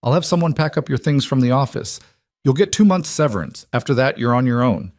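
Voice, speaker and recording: A man's voice: mid-range voice, animated, fairly quick, a little mellow, no room sound, voice pushed up, close to an everyday voice. A man voicing a tense, commanding male crime boss with curt delivery, in an audiobook character reading. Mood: cold curt.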